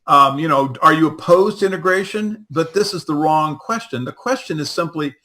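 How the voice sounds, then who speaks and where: A man explains a political idea in a bright, tense voice, pitched a little high. He hesitates often and fills pauses with ums and you-knows. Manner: hesitant, with many fillers. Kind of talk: political talk, explaining a theory.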